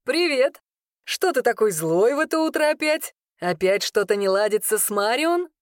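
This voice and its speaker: An eager, good-natured young man, played by a woman whose voice jumps up high with excitement and pleading. Recorded close and dry like a storybook reading. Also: normal speed, no echo. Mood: cheerful. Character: cheerful, eager young man, friend of the hero.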